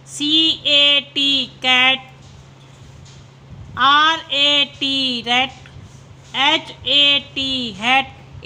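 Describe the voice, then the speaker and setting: A woman teaches phonics, spelling out each letter and sounding it with care. Her voice is high and very bright, and she talks at a very slow, drawn-out pace. A faint hum of ambient noise sits behind her. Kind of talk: phonics lesson for young learners.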